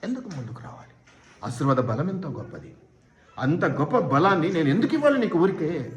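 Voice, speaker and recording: A man's voice: fairly high pitch, sing-song, brisk, slight background noise. A man preaching a sermon as pastor, firing rhetorical questions and acting out what imagined people say. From India. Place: church hall. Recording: echoey church hall.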